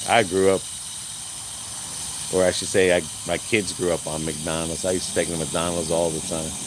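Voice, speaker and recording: A man's voice: sits low, level tone, normal speed, noisy background. A man chatting casually and rambling while he shows his garden outdoors on a live stream. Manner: rambling, chatty, laughs often, folksy. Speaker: vlogger.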